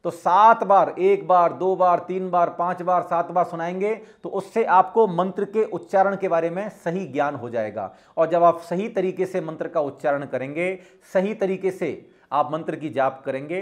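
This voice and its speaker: A man giving a spiritual teaching talk, measured and instructive, repeating his key points. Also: fairly high pitch.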